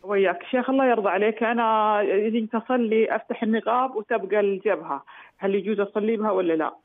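A woman's voice: mid-range voice, quick pace, dry recording. A woman calling a radio show by phone, explaining hesitantly with many restarts. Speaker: caller. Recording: tinny phone line.

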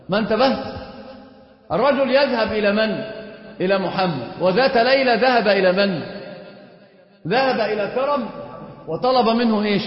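Fast-talking man lecturing in echoey hall. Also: high voice. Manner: questions students and answers himself. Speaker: Islamic teacher. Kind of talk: classroom lecture on creed. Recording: echoey hall, dull lo-fi sound.

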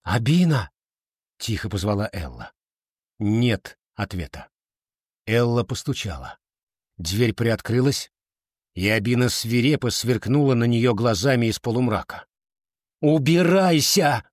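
A man giving a measured scripted narration of a children's fantasy audiobook. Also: lowish voice, dry recording, clean studio sound.

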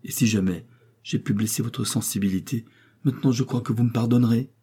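Proud, vehement young heiress, husky edge, voiced by a man reading. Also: medium pitch, brisk, dark tone. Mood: subdued. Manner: impassioned, vehement, sometimes tearful. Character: proud passionate young heiress, wary of suitors. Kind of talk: audiobook reading.

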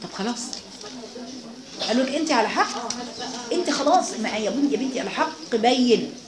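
A woman's voice: on the high side, lively intonation, a little fast, a crowd in the background. A woman with an Egyptian Arabic accent teaching a religious lesson to a circle of women, speaking emphatically and exhorting them. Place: hall with a seated group of women. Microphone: microphone. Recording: roomy, noisy room sound.

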